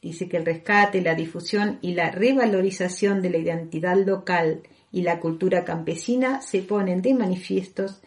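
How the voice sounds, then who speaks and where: A woman's voice: fairly low pitch, moderate pace, hardly any pauses. A woman hosting a radio program, chatting casually and hesitantly with many fillers. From Argentina. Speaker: radio host.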